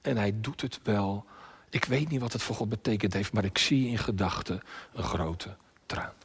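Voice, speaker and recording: A male pastor with a slightly husky voice delivers an impassioned sermon. He swings between loud, pleading cries and hushed, almost whispered prayer. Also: on the low side, normal speed.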